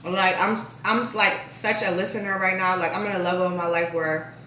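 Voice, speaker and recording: A woman's voice: fairly low pitch, level tone, normal speed, bright, forceful tone, slight background noise. A young woman vlogger chatting casually while she eats, saying "like" constantly. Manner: chatty, heavy use of "like", talks while eating. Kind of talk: casual mukbang chat. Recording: echoey room, mic at a distance.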